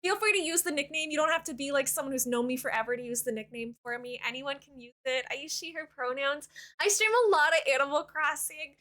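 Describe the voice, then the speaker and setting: A woman's voice: high-pitched, fast, sharp tone. A young woman from Canada chatting casually with her viewers while live-streaming a game, bubbly and giggly.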